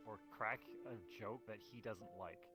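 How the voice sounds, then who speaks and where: Man, lowish voice, joking and cursing, music audible in background. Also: bright, forceful tone. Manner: quick, self-mocking, swears. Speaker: role-play player. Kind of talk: casual out-of-character chat.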